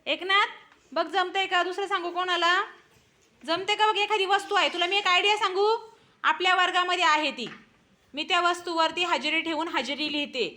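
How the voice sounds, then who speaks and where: A woman's voice: extremely high pitch, normal speed, pushed and bright. A woman teaching young children in a classroom, coaxing answers with repeated short questions. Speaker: primary school teacher.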